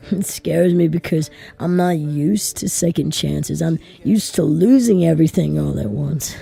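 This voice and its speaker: A woman doing a gravelly, husky young man. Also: low-pitched, dark tone, full character voice. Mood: anxious. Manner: wry, profane inner monologue. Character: brash, anxious young male author narrating. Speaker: audiobook reader. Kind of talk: scripted audiobook narration.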